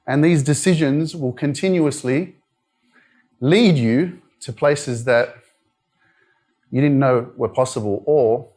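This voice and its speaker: A medium-pitched, darkish male voice with an Australian accent delivers a relaxed, straight-talking motivational speech indoors before a live crowd. He banters with the audience and swears occasionally.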